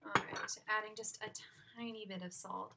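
A young woman instructs viewers through a casual, upbeat cooking demo, shifting around her small home kitchen. She has a mid-range voice with vocal fry, fairly even intonation and a moderate pace. Loud cooking noise and clicks come through the distant laptop webcam.

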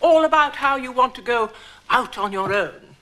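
An actress playing a brisk, meddling older woman in a British sitcom, blunt and chatty, with an English accent. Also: sits high, expressive, pushed and bright. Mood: brisk, breezy. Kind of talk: 1980s British studio sitcom acting. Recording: very noisy old studio TV tape.

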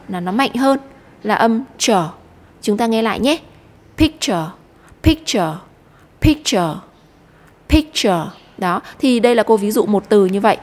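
A woman's voice: a little high, long reverb tail. A Vietnamese woman teaching an English lesson to children, explaining patiently and step by step.

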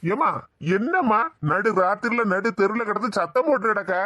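A woman's voice: medium pitch, expressive, normal speed, a bit bright, no echo, pitched below the performer's own voice. A woman voicing a grown village son and husband in a cartoon, with a Tirunelveli Tamil accent and a questioning manner. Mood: puzzled.

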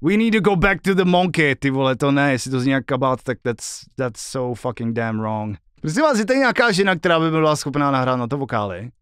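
A man's voice: mid-range voice, big pitch swings, few pauses, clean tone, no room sound, clean studio sound. A male streamer at home, chatting casually and joking with a lot of swearing while he works out a song. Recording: loud guitar music behind the voice.

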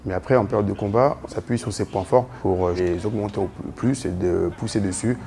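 A man with a gravelly voice, a fitness coach, speaking in a measured way in a documentary interview. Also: fairly low pitch, mellow, a little hiss or hum. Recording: music bed under the voice.

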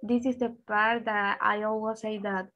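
A woman's voice: mid-range voice, little pitch movement, measured pace, highs cut off. A woman student answering in class, hesitant and searching for words.

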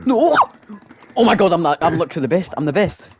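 Excitable young guy, wildly lively. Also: a little high, quick pace, breathy edge. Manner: excitable, loud exclamations. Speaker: gaming channel host. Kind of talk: casual gaming chat.

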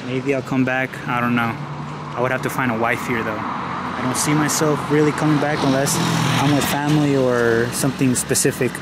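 Casual cycling narration from a young Los Angeles vlogger who rides one-handed on city streets, holding the camera at arm's length and rambling with restarts and fillers while slightly breathless. The mid-range voice is steady and moderately paced, and loud street and traffic sounds dominate the audio.

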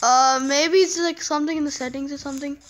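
A young woman with a high, bright voice talks through a video game session. She chats casually and bursts into excited exclamations as things happen. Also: fast. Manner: excitable, chatty, frequent exclamations. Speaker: gamer.

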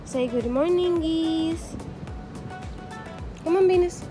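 A woman's voice: very high voice, slow pace, over music. A woman chatting casually as she films her hotel room and her dogs by a lake, talking playfully with little laughs into a handheld phone. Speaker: vlogger. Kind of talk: casual vlog narration.

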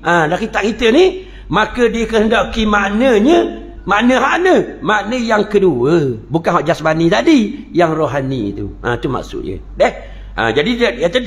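A man with a Terengganu Malay accent leads a religious lecture, mixing teaching with jokes and local stories. His voice sits high for a man and jumps all over the place as he talks. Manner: joking, storytelling, playful dialect asides.

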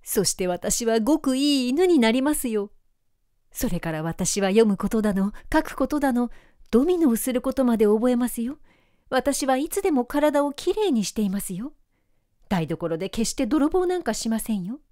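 A woman voicing an excitable, pushy male dog in a storybook reading. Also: a little high, moderate pace, pitched above the performer's own voice. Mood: pleading. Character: boisterous loyal male dog, rough and eager.

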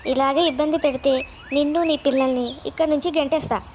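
A man's voice: extremely high pitch, fairly even intonation, fairly quick, slight background noise, pitched above the performer's own voice. A man voicing a proud, vain female peacock in a children's storybook, with a haughty, scolding manner. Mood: scornful. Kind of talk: storybook character voice.

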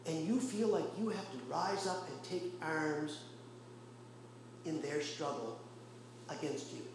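A male pastor preaching a sermon with impassioned rhetorical questions and pauses, recorded in a church. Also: on the high side. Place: church sanctuary. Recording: very echoey church room, faint hum.

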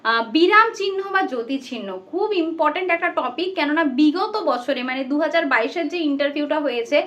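A woman teaches a demo lesson to imagined pupils. Her voice sits high and swings widely in pitch. She asks questions, answers them herself and slips English words into her teaching. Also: bright, forceful tone. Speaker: teacher giving a demo class.

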